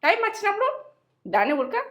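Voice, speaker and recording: Her voice is extremely high and sing-song, a bit bright, and she's a fast talker. This middle-aged woman hosts a cooking channel, keeping things chatty with homely advice and frequent repetition.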